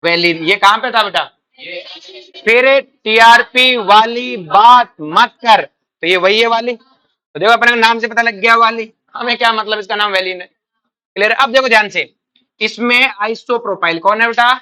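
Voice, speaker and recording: At a normal speed, a high-sitting male voice sounds pushed and bright, clear and resonant. The speaker, a chemistry teacher, drills exam students with questions, calls them "beta," and repeats each answer as part of a call-and-response lecture.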